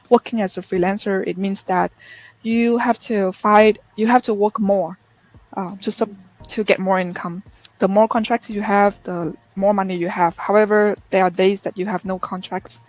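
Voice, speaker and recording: Speaking in a medium, slightly mellow voice, an earnest woman from Vietnam is the guest in a relaxed interview conversation held over video call. Her storytelling is sincere and thoughtful. The low-quality recording has no room sound.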